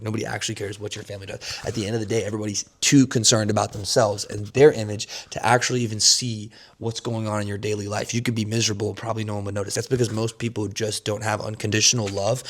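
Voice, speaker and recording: A young man vlogging about emotional growth, talking fast and earnestly in rambling, repeated phrases, caffeinated and fasting. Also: fairly low pitch. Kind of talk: unscripted talk to camera.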